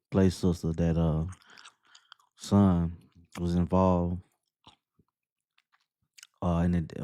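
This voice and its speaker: Man, very deep voice, dark tone, flat delivery, rambling casual commentary. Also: no room sound. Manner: laid-back, rambling, laughs at guests. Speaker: commentary host.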